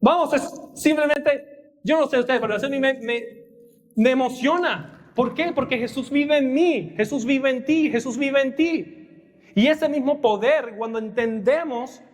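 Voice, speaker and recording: High-voiced preacher man, church reverb. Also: moderate pace. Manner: dramatic, acts out Bible characters' lines. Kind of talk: sermon.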